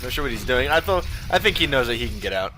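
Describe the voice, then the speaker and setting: Bright-voiced man casting a game. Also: mid-range voice, fast talker, slight background noise. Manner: profane, joking, many ums and uhs, bursts of excitement. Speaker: esports caster. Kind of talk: casual play-by-play commentary.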